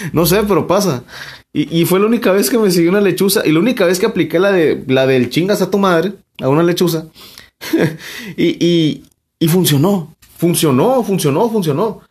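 A man's voice: high-pitched, normal speed, darkish tone, breathy edge. Mexican man telling a rambling, laughing anecdote. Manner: rambling, laughs often, swears freely, many fillers. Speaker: storyteller. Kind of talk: casual spoken anecdote.

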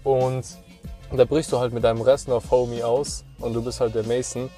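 Young man, podcast co-host, dark mellow voice, relaxed slangy chat, faint music. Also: mid-range voice, normal speed. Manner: relaxed, slangy, eager gamer talk. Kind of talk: casual chat.

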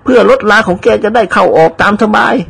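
Bossy old noblewoman, put on by a man; high, stern, commanding. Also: quick pace, creaky, fairly bright tone, slightly rough, exaggerated voice. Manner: scolding, commanding. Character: bossy older noblewoman, stern but caring.

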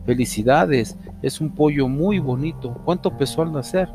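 A man voicing a fussy, excitable know-it-all male cat in a storybook reading. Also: on the high side, normal speed, pitched above the performer's own voice, lightly acted. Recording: music under the reading.

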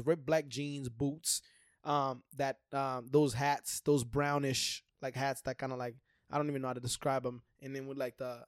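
A man's voice: mid-range voice, no echo, clean studio sound. A young man chatting casually like a frat bro, slangy and profane, often repeating himself as he goes. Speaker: podcast co-host. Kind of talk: casual chat.

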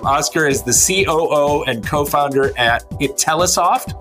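A man's voice: fairly high pitch, normal speed, music in the background. A man hosting a podcast, chatting casually in an upbeat, teasing way and reading out a guest's biography. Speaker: podcast host.

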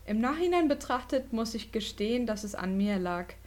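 A woman's voice: on the high side, animated, normal speed, darkish tone. A woman podcast host reading a ghost story aloud in a dramatic storytelling manner.

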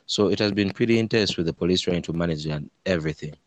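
A man with a very low voice and an East African accent from Uganda speaks as an interview guest. He gives measured, hesitant answers, often doubling back on words. The sound is dry and close. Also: no room sound. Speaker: interview guest, human rights lawyer.

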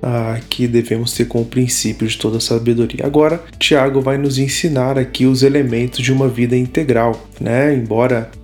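Man, Bible teacher, middle pitch, halting explanatory delivery, faint guitar music underneath. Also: level tone, a little mellow. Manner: explanatory, frequent fillers and restarts. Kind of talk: teaching a Bible study series.

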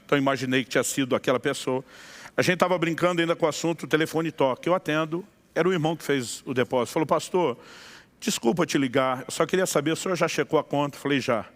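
A middle-aged man preaching as a pastor, telling a story with lively acted-out dialogue and frequent laughter. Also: a little high, fast talker. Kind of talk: sermon storytelling.

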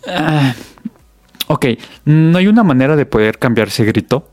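A man's voice: on the high side, expressive, unhurried, a little mellow, no echo, clean studio sound. A Mexican man hosting a casual news roundup, chatty and full of fillers. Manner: chatty, many fillers and restarts. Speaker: host.

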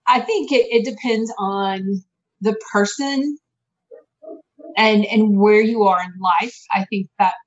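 Woman, podcast co-host, thoughtful and halting, dull lo-fi sound. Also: mid-range voice. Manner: reflective, with frequent restarts and fillers. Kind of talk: casual podcast chat.

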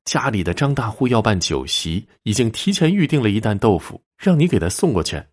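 A man's voice: on the low side, very animated, fairly quick, voice pushed up. A man doing a cold, strict widowed mother. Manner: curt and cold.

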